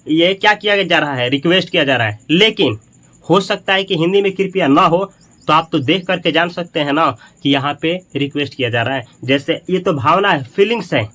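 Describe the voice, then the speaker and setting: A man teaching an English lesson in Hindi, repeating each example sentence slowly several times so that learners can copy him. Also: on the high side, a bit bright. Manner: slow, repeats example sentences drill-style.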